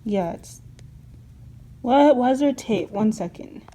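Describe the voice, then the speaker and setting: A woman's voice: a little high, lively intonation, takes it slowly, warm tone, rough recording. A young woman vlogging casually, rambling and chatty with lots of fillers while sorting clothes at home. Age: young adult. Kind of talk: casual vlog chat.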